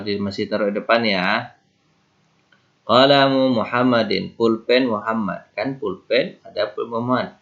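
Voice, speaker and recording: A man's voice: fairly low pitch, a bit bright, highs cut off. A man teaching Arabic grammar, explaining patiently with examples and rhetorical questions. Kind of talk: grammar lesson.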